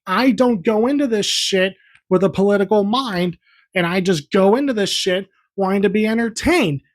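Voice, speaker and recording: A man's voice: high voice, moderate pace. A young man giving a heated, profane, rambling movie review in a casual vlog. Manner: heated, profane, repetitive ranting.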